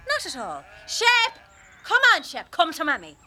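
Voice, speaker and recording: An actress playing a cheeky, teasing young adult Irish daughter on a farm in a radio comedy. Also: female voice, fairly high pitch, big pitch swings, normal speed, very noisy.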